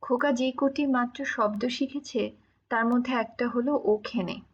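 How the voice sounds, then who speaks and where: A woman narrating an audiobook of a classic novel in an even, measured storytelling manner. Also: a little high, slightly rough. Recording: dull lo-fi recording.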